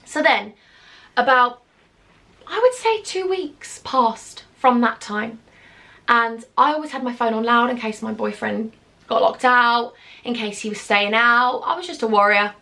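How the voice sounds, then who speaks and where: Her fairly high voice sounds pushed and bright, and she keeps a measured pace. She's a young woman from Britain, a YouTuber with a British English accent, sharing a confiding vlog storytime laced with sarcastic asides.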